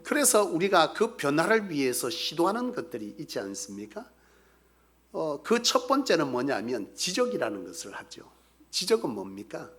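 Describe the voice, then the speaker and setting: A male pastor preaching a sermon. He questions the congregation and answers himself, and he acts out everyday scolding lines. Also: fairly high pitch. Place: church sanctuary.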